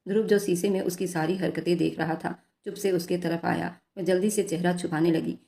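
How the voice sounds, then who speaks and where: A woman narrating a romantic story in Hindi in a steady, even reading voice. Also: on the low side, brisk, creaky.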